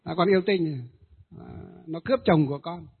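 A man's voice: on the high side, fast talker, husky. A man voicing the grieving, jealous ghost of a young wife who died, accusing and wailing. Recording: tinny phone-like audio.

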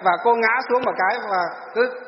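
High-voiced male teacher in an echoey hall. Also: steady tone, a little fast, dull audio, slight background noise. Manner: asks students rhetorical questions and answers them. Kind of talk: classroom lecture to students.

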